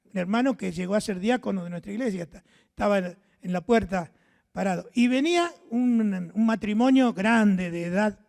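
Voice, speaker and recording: An older man from Argentina with an Argentine accent and a hoarse voice, preaching a sermon as pastor, telling stories and acting out the dialogue. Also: high-pitched, moderate pace, a little mellow, big-room sound. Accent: Argentine Spanish. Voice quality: hoarse, gravelly voice. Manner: storytelling, acts out dialogue, asks the audience questions.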